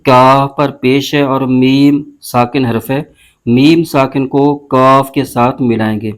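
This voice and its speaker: A man teaching recitation, moving briskly through pronunciation rules. He stretches out each syllable slowly when spelling words aloud, in a patient, methodical way. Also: mid-range voice, steady tone. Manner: slow, drawn-out spelling of syllables between brisk explanations. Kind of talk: word-by-word tajweed lesson.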